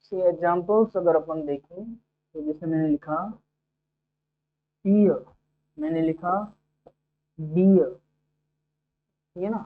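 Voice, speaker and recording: A man's voice: on the high side, moderate pace, a little hiss or hum. A male teacher giving a phonetics lesson to exam students, explaining step by step and checking in with frequent "okay?" tags. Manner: explains step by step, often asks 'ठीक है' and 'है ना'. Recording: tinny phone-like sound.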